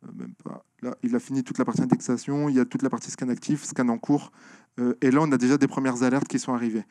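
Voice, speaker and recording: A man speaking at a conference, answering audience questions with many pauses and restarts. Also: medium pitch, steady tone, a little mellow, no echo. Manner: hesitant, many fillers and restarts, explanatory. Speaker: conference speaker on software security. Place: lecture room.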